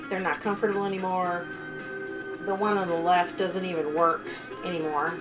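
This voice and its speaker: A woman's voice: lowish voice, flat delivery, normal speed, over music. A woman giving a casual vlog narration, recorded inside a small RV trailer. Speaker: vlogger. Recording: clear background noise, small RV interior.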